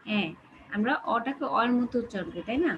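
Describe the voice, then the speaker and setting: A woman's voice: on the high side, lively intonation, a little fast. A woman teacher with a Bangladeshi Bengali accent giving an online class, explaining step by step and keeping her students answering questions. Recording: dull lo-fi call audio with background noise.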